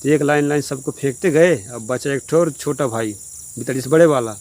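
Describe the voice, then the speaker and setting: A man's voice: mid-range voice, fairly quick, darkish tone. Man rambling through a village folk tale. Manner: plain, rambling, repetitive. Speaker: storyteller. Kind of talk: casual oral folk storytelling.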